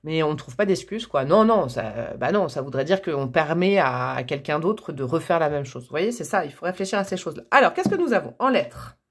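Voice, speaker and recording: A woman's voice: deep voice, sing-song, brisk, few pauses, slightly rough. A woman giving a casual tarot reading, talking to her viewers in a chatty, playful way. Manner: chatty and playful, joking and laughing at herself; talks straight to viewers, coaxing and encouraging. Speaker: tarot card reader.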